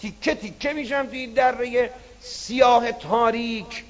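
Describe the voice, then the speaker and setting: A man preaching voices a desperate climber in his forties who pleads and protests loudly. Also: very high-pitched, fairly even intonation. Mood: pleading. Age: 40s. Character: desperate middle-aged male climber, pleading. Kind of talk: sermon storytelling. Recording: dull lo-fi recording.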